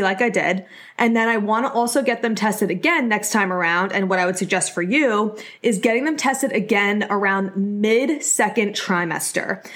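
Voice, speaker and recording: Chatty young woman giving casual podcast advice. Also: mid-range voice. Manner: chatty, informal, explanatory. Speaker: podcast host.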